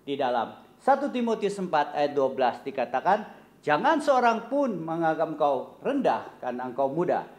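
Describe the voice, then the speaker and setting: Lively, coaxing children's church teacher. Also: mid-range voice, moderate pace. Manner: cheerful, coaxing, addresses the kids directly. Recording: slightly dull sound.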